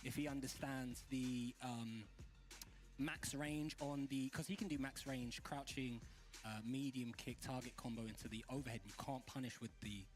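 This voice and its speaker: A man's voice: medium pitch, fairly even intonation, normal speed, soft background music. A man co-hosting a fighting game watch party, giving casual technical commentary and thinking aloud with restarts.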